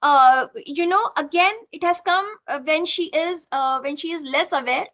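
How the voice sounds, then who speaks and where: At a moderate pace and with a high-sitting voice, a woman with an Indian accent facilitates a spiritual group session over video. She tells one participant's story animatedly, code-switching between English and Hindi and saying "you know" often.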